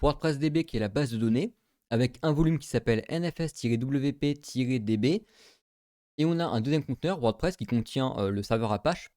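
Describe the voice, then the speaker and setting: A man's voice: mid-range voice, dark tone, dry recording, clean studio sound. Casual man talking through a tutorial. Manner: casual, many fillers, thinks aloud. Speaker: tech tutorial host. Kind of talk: screen-recorded tutorial walkthrough.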